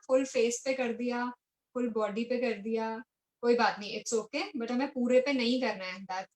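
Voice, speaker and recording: A young woman with an Indian English accent teaches an online art class for children, patient and coaxing, repeating her steps and mixing Hindi with English. Her voice is a little high, and the audio is poor.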